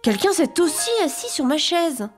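A mother bear from a children's storybook, acted by a woman reading aloud, firm and indignant. She fires off emphatic complaints in a raised, lively voice. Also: high-pitched, moderate pace, soft background music, pitched above the performer's own voice.

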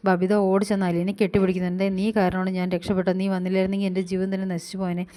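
A woman quickly retelling a TV serial episode, quoting each character's lines in turn with frequent fillers. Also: mid-range voice, completely flat delivery, warm tone. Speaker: serial review vlogger.

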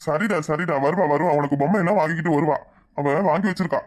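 A man's voice: on the high side, fast, lightly acted. Man voicing a bossy teasing village youth. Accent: Kanyakumari Tamil. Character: teasing young village man collecting festival dues.

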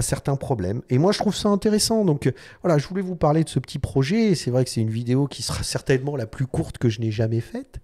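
Male vlogger talking design to camera, mellow, halting delivery with frequent restarts. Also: mid-range voice. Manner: hesitant, many fillers and restarts. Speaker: design video host. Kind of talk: casual explanatory talk to camera.

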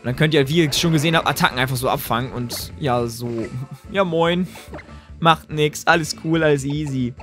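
A young man doing casual, slangy game commentary, talking excitedly to his viewers. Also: on the high side, fairly quick, faint music behind. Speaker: let's play host.

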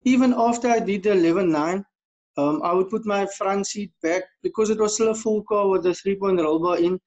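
A man's voice: high voice, fairly quick, darkish tone. A man in his thirties with a South African accent, chatting casually as an interview guest over a slightly dull video call. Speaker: podcast guest, amateur drag racer. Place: indoor room, video call.

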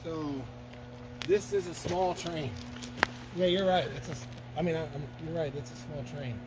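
A man with a slightly high voice chats casually as he guides a walk. He explains in short phrases, often repeating them. The recording is outdoors, with clear ambient noise around him. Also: steady tone, normal speed. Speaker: hiking guide explaining local mining history. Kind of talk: casual outdoor chat while walking. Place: outdoors on a wooded trail.

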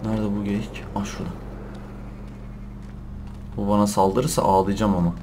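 A young man commentating a survival game in Turkish, shouting and cursing at the animals and laughing often. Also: on the low side, normal speed, a little hiss or hum. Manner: excitable, swears and yells at the game, laughs often. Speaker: gameplay commentator. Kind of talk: let's play commentary.

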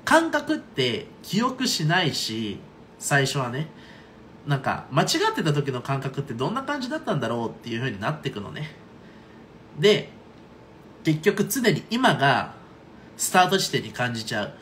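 A man's voice: mid-range voice, wildly swooping pitch, moderate pace, a bit bright, a little hiss or hum. A man teaching singing in a casual online lesson, chatty and checking in often with his students. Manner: chatty, frequent "right?" and "okay?" check-ins. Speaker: voice coach.

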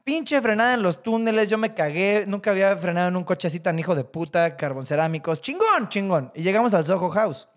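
Animated Mexican man telling a story. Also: high voice, a little fast, few pauses. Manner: animated, slangy, acts out quoted dialogue. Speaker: podcast co-host. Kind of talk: casual storytelling chat.

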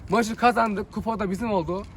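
A young man with a high, fast voice hosts his channel from an outdoor neighborhood pitch. He talks in an upbeat, rallying way. Loud street noise runs under the recording. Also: fairly even intonation. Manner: upbeat, rallying, quick-talking. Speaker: channel host. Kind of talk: casual outdoor vlog commentary.

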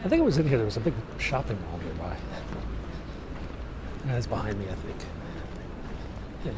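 Strolling outdoors through a city, a man vlogs for his viewers, chatting casually and thinking aloud in an offhand manner. He speaks at a moderate pace in a lowish, sing-song voice, with loud street noise and traffic all around him.

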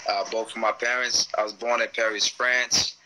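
A man's voice: on the low side, little pitch movement, normal speed, bright, forceful tone, poor audio. A man in his thirties from the Washington DC area, a rapper talking laid-back and streetwise as an interview guest over a live video call. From Washington DC / Maryland area, USA. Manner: laid-back, streetwise, uses "you know what I'm saying". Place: room at home, seated in gaming chair. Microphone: phone or webcam on a video call.

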